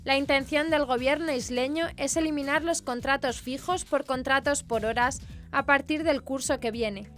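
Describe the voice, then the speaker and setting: Delivering scripted news at a normal speed, a high-voiced woman reads in formal bulletin fashion while faint music runs underneath.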